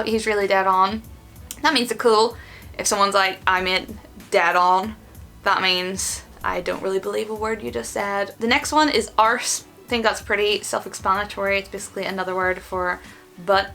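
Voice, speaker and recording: Female Northern Irish video host, bright forward voice, informal explainer with acted-out examples, faint music behind. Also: mid-range voice, steady tone, moderate pace, vocal fry. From Northern Ireland. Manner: informal, acts out short example exchanges. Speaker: host of an online video channel. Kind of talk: casual, chatty explainer of slang.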